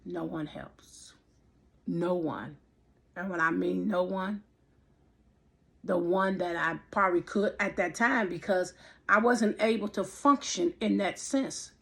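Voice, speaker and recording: A woman in her fifties with a gravelly, husky voice gives a heartfelt personal faith testimony. She talks in a preacherly way and circles back to the same phrases again and again. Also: medium pitch, unhurried, fairly bright tone. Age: 50s. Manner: impassioned, repeats phrases, preacherly. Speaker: vlogger.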